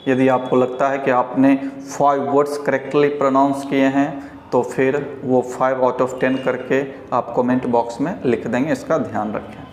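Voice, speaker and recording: A man with a Bihari Hindi accent teaching English pronunciation, explaining slowly and repeating each word for learners. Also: medium pitch, level tone, a little hiss or hum. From India. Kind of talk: pronunciation lesson. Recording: echoey room.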